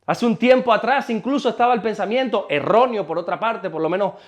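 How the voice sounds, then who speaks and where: A pastor preaches in a high, emphatic voice. He fires questions at the congregation and repeats words as he pushes his point. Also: fairly quick. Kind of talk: sermon.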